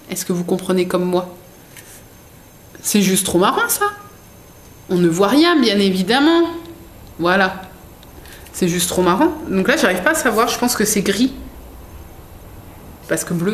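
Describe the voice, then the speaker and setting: A woman chats her way through an unboxing, rambling and correcting herself as she goes. Her voice sits at a middling pitch and rings in a roomy, echoey space. A faint hum of background noise runs underneath. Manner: rambling, many fillers and self-corrections. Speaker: unboxing vlogger. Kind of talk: casual chatty product unboxing.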